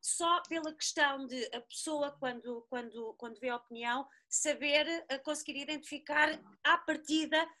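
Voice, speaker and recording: A woman's voice: high voice, moderate pace, few pauses, pushed and bright. A woman with a European Portuguese accent moderating a casual podcast chat, hesitant and often laughing. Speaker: podcast co-host, moderator of this episode.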